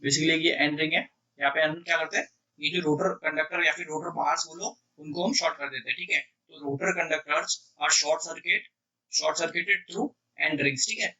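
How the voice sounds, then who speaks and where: A man teaching electrical engineering exam questions in Hindi mixed with English, who keeps checking "clear?" and reads the English questions out slowly. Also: on the high side, pushed and bright, recorded from a distance, low-quality recording. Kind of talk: exam prep lecture.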